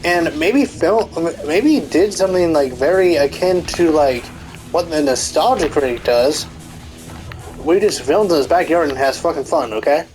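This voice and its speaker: Slow but animated, a commentary YouTuber with a slightly high, somewhat mellow voice rambles through a loose rant, cursing frequently, restarting and using lots of fillers. His nose is congested, soft music sits in the background, and the recording is rough.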